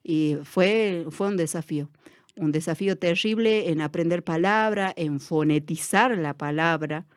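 Speaking with an Argentine Spanish accent, a person reflects as an interview guest, full of fillers and restarts. The mid-range voice is unhurried, and the recording is dry and clean, studio quality.

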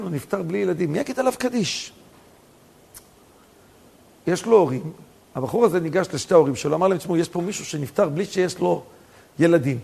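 Man, rabbi, sermon, lively swooping delivery, gravelly husky voice. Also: high-pitched. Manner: animated storytelling, rising to near-shouts for emphasis. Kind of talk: sermon with stories.

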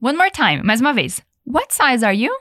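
Brazilian woman teaching English, slow repetitions. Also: on the high side, sing-song, fairly bright tone, dry recording, studio quality. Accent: Brazilian Portuguese. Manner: patient, repeats phrases slowly for practice. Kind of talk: language lesson.

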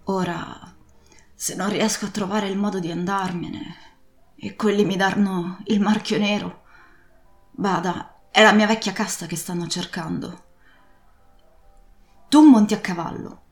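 A woman's voice: medium pitch, fairly even intonation, measured pace, long pauses, close to an everyday voice. A woman voicing an old, drunken male pirate captain who pleads and rants, in an echoey room with faint music. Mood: agitated. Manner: pleading then blustering, ranting.

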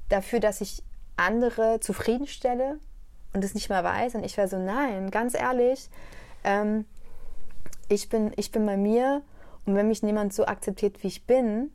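A young woman talks through a personal topic in an unhurried, reflective way on a conversational podcast. She grows more animated when she recounts anecdotes. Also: medium pitch. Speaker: podcast co-host. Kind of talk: casual conversation.

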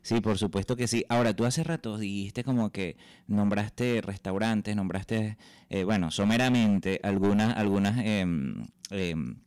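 A man's voice: on the low side, unhurried, a little mellow, clear, resonant tone, no room sound. A man, hosting a casual interview, hesitant and repeating words as he looks for them. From Venezuela. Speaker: podcast host.

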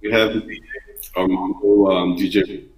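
A man calling in from his laptop to an interview, talking about his event in a halting way with lots of ums and uhs. His audio keeps breaking up with echo over the call. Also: deep voice, flat delivery. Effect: breaking-up echoey video-call audio. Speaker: guest event organizer. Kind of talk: remote interview, promoting an event. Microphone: laptop on a video call. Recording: distant, echoey, dull lo-fi call line.

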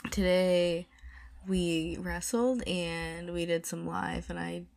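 A woman's voice: lowish voice, flat delivery, takes it slowly, gravelly, a little mellow. A woman from the northern US in casual chat, laid-back, giving short replies. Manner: laid-back, brief replies, laughs often.

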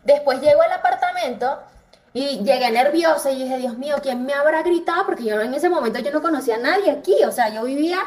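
A woman from Venezuela with a Venezuelan Spanish accent, telling her own story as a podcast guest in a lively way, acting out the voices she quotes. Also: high-pitched, brisk. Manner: lively, acts out quoted voices, many fillers. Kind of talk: animated personal storytelling. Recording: roomy, distant mic.

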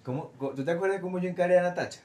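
Venezuelan guy talking quick, slangy teasing, echoey room sound. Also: sits high, a little mellow. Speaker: podcast co-host. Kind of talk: casual chat.

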